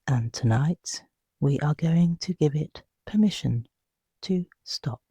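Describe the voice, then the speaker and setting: A meditation guide with a mid-range voice speaks very slowly in a mellow, breathy hush, yet animated, to guide someone to sleep. The delivery is soothing and unhurried with long pauses between phrases, and the sound is dry and close without echo.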